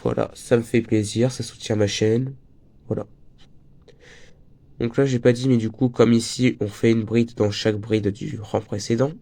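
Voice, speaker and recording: A man's voice: mid-range voice, level tone, normal speed, gravelly, mellow. A teenage boy with a slight cold and a breaking voice, chatting casually while teaching crochet and wandering off into jokes. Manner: chatty, jokey, wanders off topic. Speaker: crochet tutorial host. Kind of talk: casual tutorial talk.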